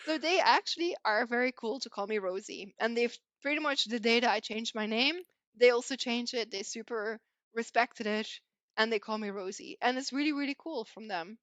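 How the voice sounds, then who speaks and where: A woman's voice: on the high side, moderate pace, a bit bright, dry recording. A young woman from Belgium, a native Flemish speaker with a slight Irish twang, chatting casually as a podcast guest and filling her talk with "like" and "you know".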